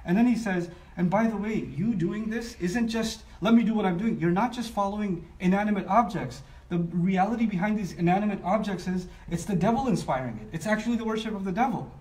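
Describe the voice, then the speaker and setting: A man teaching a structural lesson on scripture, animated and often voicing the speakers of the story as he explains. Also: high voice, brisk, hardly any pauses, far from the mic. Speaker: Quran teacher. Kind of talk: lecture on scripture. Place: broadcast live online.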